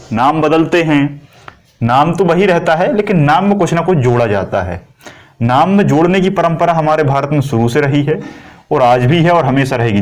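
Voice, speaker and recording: A middle-aged man, teaching a classroom lecture and explaining with everyday analogies and rhetorical questions to the class. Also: on the high side.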